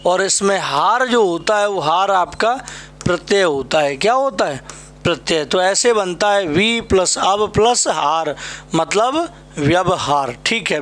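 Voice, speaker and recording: A man's voice: sits high, a bit bright. A man teaching an exam-prep spelling class, repeating each word and quizzing his students. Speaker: Hindi teacher.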